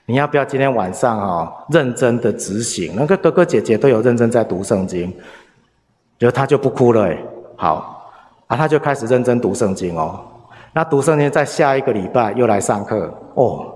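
A man preaching a sermon, telling a family story in a lively way with many chatty particles. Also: medium pitch, normal speed, slight background noise. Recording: long reverb from a hall.

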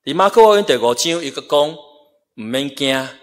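Male preacher, church hall sermon, impassioned, rises to emphatic peaks, swooping pitch. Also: expressive, brisk. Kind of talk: sermon with live interpretation.

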